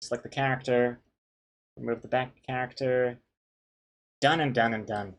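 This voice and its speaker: A man's voice: mid-range voice, steady tone, moderate pace. A man chatting casually on a livestream as he works, rambling and playful, who can't pronounce his R properly and says it like a W. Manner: rambling, playful, easily amused. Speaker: comic artist and streamer. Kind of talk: casual livestream chat while drawing.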